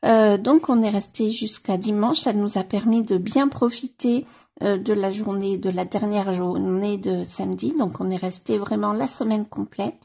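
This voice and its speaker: A woman's voice: medium pitch, moderate pace, vocal fry, dark tone. A French woman chatting casually about books on her vlog, hesitant with many fillers and restarts. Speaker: book vlogger.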